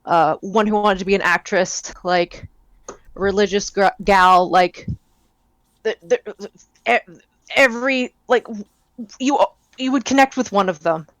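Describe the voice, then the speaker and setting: A woman's voice: mid-range voice, measured pace, pauses often, a bit bright, no echo. A young woman co-hosting a podcast, chatting casually and enthusiastically with lots of fillers. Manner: rambling, enthusiastic, many fillers. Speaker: podcast co-host. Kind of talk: casual chat.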